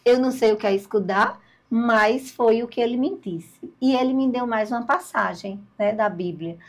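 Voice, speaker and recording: Older woman, lively storyteller, fairly high voice, plays out the conversations. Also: normal speed. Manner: lively storyteller, acts out dialogue, laughs at herself. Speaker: guest. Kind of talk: storytelling in a podcast interview.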